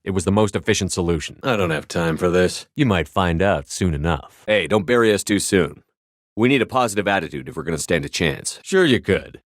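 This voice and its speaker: A hardened male military commander of a starship for a video game. His voice sits on the low side, with a clipped, authoritative way of giving orders and a dry edge to the delivery. The sound is clean and dry, with very little room around it. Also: expressive, a little fast, no room sound. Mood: cool, stern.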